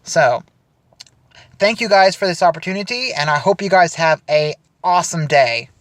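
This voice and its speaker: A young man telling a funny story casually to the camera for an audition, animated and chatty. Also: a little high, normal speed, no echo. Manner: animated, chatty, frequent restarts and laughter. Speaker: audition video speaker.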